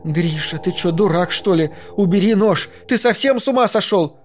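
Give me a frightened pleading woman, played by a male narrator, high-pitched. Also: moderate pace, darkish tone, faint music behind, lightly acted. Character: frightened sober woman pleading with her husband.

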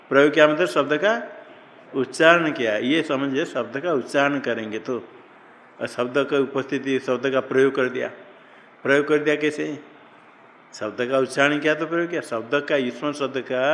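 A man's voice: medium pitch, a bit bright. Male grammar teacher, questioning style, long hall reverb. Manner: questioning, drilling students repeatedly. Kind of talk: classroom lecture with questions to students. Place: large reverberant classroom at an ashram. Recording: long hall reverb, faint room hiss.

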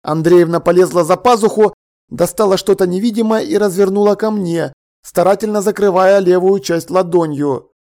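High-voiced man reading a story. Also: normal speed. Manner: expressive first-person storytelling. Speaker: audiobook reader. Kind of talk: scripted narration.

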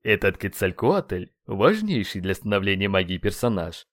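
A man voicing a patronizing dark male spirit rider in an audiobook, with a mentor-like tone. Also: on the low side, big pitch swings, normal speed, no echo, studio quality. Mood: explaining.

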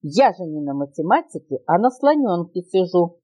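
A woman voicing a cheeky, excitable female monkey in a storybook reading, with an eager, mischievous manner. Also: lowish voice, moderate pace, breathy edge, no room sound.

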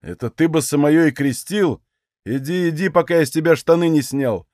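A man's voice: on the high side, moderate pace, a little mellow, dry recording, clean studio sound, lightly acted. A man voicing a composed young Cossack officer who speaks in curt, scornful threats in an audiobook. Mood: menacing.

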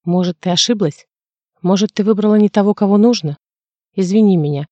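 A man voicing a grief-stricken male detective who shouts in despair and then apologizes quietly, in an audiobook reading. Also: high-pitched, brisk, no echo, highs cut off, lightly acted.

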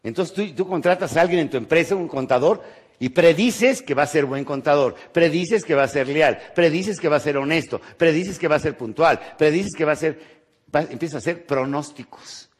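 A Mexican man giving a motivational lecture, animated and rhetorical, tagging his points with quick questions to the audience. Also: fairly high pitch, slightly rough. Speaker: motivational speaker.

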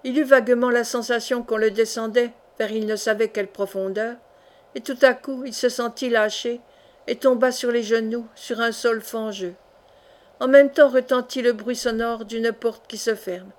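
A woman narrating a classic adventure novel in a measured, expressive audiobook reading. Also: on the high side. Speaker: audiobook reader.

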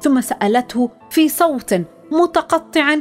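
Woman storyteller, high and animated, faint music bed. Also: unhurried. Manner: expressive, dramatic. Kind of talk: children's story narration.

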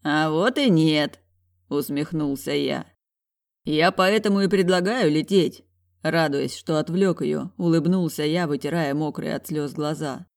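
A man narrating a first-person audiobook in a calm, gentle, reassuring way. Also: a little high, a little slow, vocal fry.

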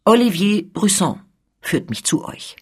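A woman reading the part of a proud, soldierly male count who is a guard colonel, in a measured, emphatic manner. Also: mid-range voice, big pitch swings, husky, exaggerated voice.

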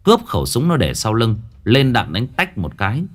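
A man narrating a first-person story in a gruff, dramatic way. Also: medium pitch, wildly swooping pitch, moderate pace. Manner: gruff and dramatic, acting out his own shouted lines.

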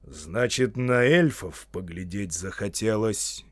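A man's voice: mid-range voice, sing-song, unhurried, no room sound. A man voicing a stern old male wizard who speaks in a commanding manner, in an audiobook. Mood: gruff teasing.

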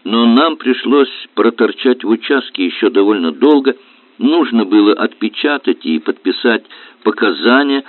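A man reading a detective novel aloud in measured, even scripted narration. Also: lowish voice, no room sound. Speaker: audiobook reader. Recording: dry, tinny phone-like sound.

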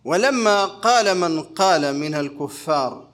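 A sheikh with a strikingly high male voice gives a religious lecture, drawing listeners in by posing questions and answering them himself as he builds each point in a teaching rhythm. His delivery is expressive and a little slow, with a fairly bright tone.

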